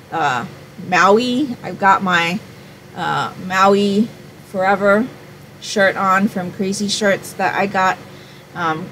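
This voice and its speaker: A woman's voice: medium pitch, a bit bright, a little hiss or hum, low-quality recording. Chatty woman vlogging from home. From Hawaii. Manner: chatty, rambling, thinks aloud with many fillers. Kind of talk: casual chat to camera. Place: small room at home, indoors.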